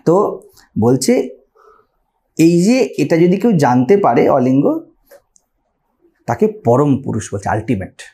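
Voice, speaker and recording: Bengali guy lecturing on scripture, mellow voice, kinda high, pitch jumps around a lot. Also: big pitch swings, slow pace, long pauses. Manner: explanatory, asks listeners rhetorical questions. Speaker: spiritual teacher.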